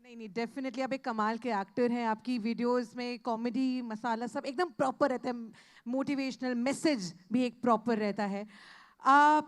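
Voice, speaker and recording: A woman's voice: a little high, steady tone, normal speed. A young woman hosting a stage event, energetically hyping up the crowd. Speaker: event host. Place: large hall on stage.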